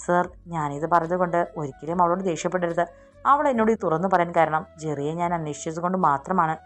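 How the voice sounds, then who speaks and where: A woman's voice: fairly low pitch, fast talker, lightly acted. A woman voicing an earnest young male colleague explaining himself in a romantic audiobook, with faint music behind.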